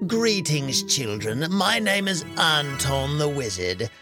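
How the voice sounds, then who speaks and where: A woman voicing a sly, mocking evil male wizard in a storybook, with a slow, sneering, theatrical delivery. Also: deep voice, big pitch swings, pitched below the performer's own voice, exaggerated voice. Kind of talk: storybook character voice. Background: background music.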